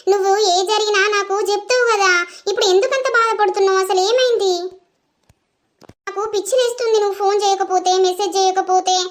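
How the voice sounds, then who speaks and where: Cartoon girlfriend, young, fussing and doting, shrill high voice, woman actor. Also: fairly even intonation, fast talker. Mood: coaxing. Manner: coaxing, pleading endearments. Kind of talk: village cartoon voice acting.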